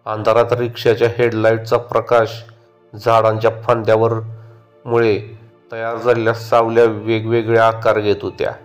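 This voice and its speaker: A man narrating a horror story in a steady, measured way. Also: lowish voice, highs cut off, faint music behind.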